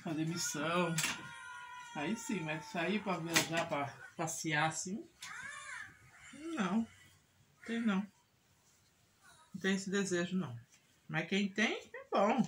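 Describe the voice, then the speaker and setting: In a voice on the low side, a middle-aged Brazilian mother who vlogs from home talks slowly with frequent pauses as she does chores. The chat is casual, rambling and repetitive, often closing with a tag checking in on the listener, and the small indoor room carries clear household noise and handling clicks.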